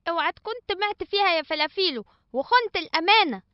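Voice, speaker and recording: A suspicious little cartoon squirrel, voiced by a woman, very high and quick. She talks bluntly. The audio is dry and slightly dull. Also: lively intonation, no echo. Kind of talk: cartoon voice acting.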